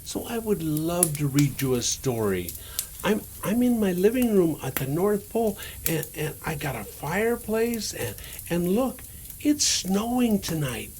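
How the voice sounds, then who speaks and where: With a high-pitched, gravelly voice and big swings in pitch, an older man reads a storybook as Santa at a measured pace. He talks straight to the children, gentle and wonder-filled, with slight background noise.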